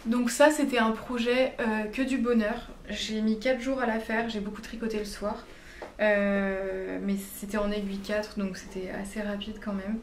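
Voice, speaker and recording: A woman talking through her knitting projects in a relaxed vlog, with many fillers and quick corrections. Her voice sits at an ordinary pitch and carries a clear room echo. A faint background hum stays underneath. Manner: chatty and hesitant, many fillers and self-corrections. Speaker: knitting vlogger. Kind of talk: casual vlog chat.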